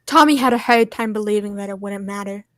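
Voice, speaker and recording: A woman's voice: medium pitch, fast talker, fairly bright tone, no room sound. Woman narrating a fan script. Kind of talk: casual read-aloud narration.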